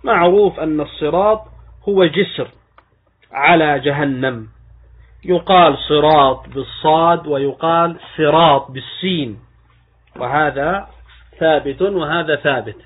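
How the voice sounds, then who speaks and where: A man sheikh teaching a religious creed lesson, explaining step by step, slowing down to recite texts and posing questions he then answers. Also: on the high side, breathy edge. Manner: asks rhetorical questions and then answers them. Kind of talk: religious lecture in formal Arabic. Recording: narrow phone-like audio.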